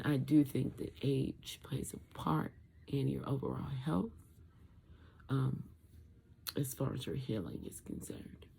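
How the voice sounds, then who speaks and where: Tired, husky, creaky voice, thick with swollen throat. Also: medium pitch, warm tone. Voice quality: muffled, thick, garbled throat voice of swollen, sore tonsil area after tonsillectomy. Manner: halting, rambling. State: tired, medicated, in throat pain. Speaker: vlogger sharing surgery recovery. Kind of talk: casual talk to camera. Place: room at home.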